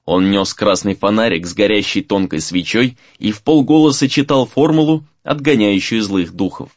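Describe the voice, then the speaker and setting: A man reading a fantasy novel aloud as narrator, in a measured reading with varied emphasis. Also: fairly low pitch, no room sound, dull audio. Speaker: audiobook narrator.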